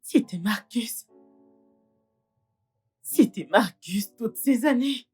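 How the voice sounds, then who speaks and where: An actress dubbing a distraught young wife who feels used and ashamed, speaking through sobs in a film. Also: female voice, a little high, lively intonation, slow, a little mellow, faint music behind. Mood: weeping despair. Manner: sobbing, pleading. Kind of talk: dubbed film acting.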